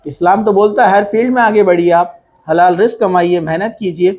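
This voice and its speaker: A man's voice: sits high, a little mellow. A man giving a conversational religious talk, asking rhetorical questions and mixing in English words. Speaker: Islamic speaker.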